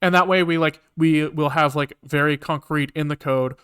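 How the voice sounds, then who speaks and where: Here a fairly high-pitched, slightly bright and clean male voice keeps a fairly even intonation at a normal pace. He's a programmer on a livestream, thinking aloud while coding, rambling, repeating words and swearing offhandedly.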